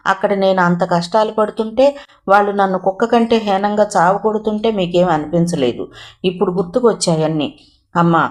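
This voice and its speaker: A woman's voice: fairly low pitch, natural voice. A woman voicing a hurt, defiant young woman who speaks bitterly and reproachfully.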